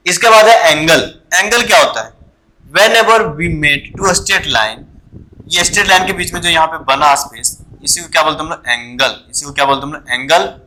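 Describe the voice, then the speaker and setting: A man's voice: fairly high pitch, moderate pace, pushed and bright, a little hiss or hum, poor audio. A man teaching an online vocabulary class, asking questions and answering them himself and repeating the key words.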